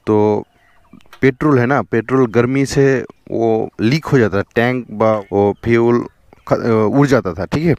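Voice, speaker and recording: This young motovlogger from West Bengal, India, speaks Bengali as his first language and has a Bengali accent, his mid-range voice a little mellow. Riding a motorbike along a riverbank, he chats casually into a helmet or chest action camera, repeating "theek hai" and "dekho." The recording is dry.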